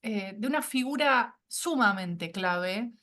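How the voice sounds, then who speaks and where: A woman's voice: mid-range voice, lively intonation, slow, a bit bright. A woman instructor presenting a course. She is a bit sick with a cold and keeps checking in with her listeners through tag questions and hesitant fillers. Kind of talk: online presentation.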